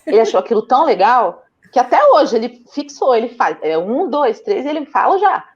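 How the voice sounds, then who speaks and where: A woman's voice: fairly high pitch, normal speed, highs cut off. A young Brazilian woman with a Brazilian Portuguese accent, a mother talking casually in an interview and telling stories with animation and frequent laughter. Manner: animated storytelling, laughs often.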